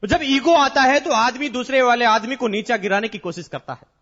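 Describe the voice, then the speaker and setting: A man speaking as a motivational business seminar speaker in a large hall, emphatic and repetitive, with rhetorical questions and drawn-out stresses. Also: very high-pitched, fairly bright tone, highs cut off.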